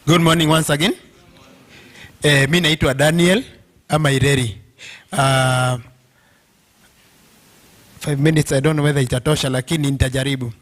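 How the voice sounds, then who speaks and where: A Kenyan man speaks in a fairly high male voice. He presents informally to a group, switching between two languages and often checking that listeners follow. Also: fairly even intonation, moderate pace, long pauses, a bit bright. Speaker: bank representative presenting to union members. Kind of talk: informal presentation mixing English and Swahili.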